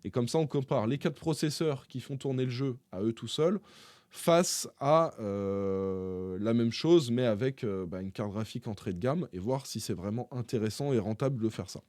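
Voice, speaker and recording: A man presenting tech news to his viewers in a casual, chatty way, often pausing on fillers as he talks. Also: medium pitch, darkish tone, no room sound, clean studio sound. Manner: chatty, hesitant, frequent filler pauses; addresses viewers directly. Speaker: tech YouTuber.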